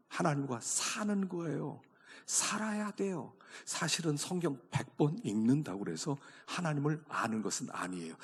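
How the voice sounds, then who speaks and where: Male pastor, husky sermon voice with a lively pitch swing, long church-hall echo. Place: church sanctuary.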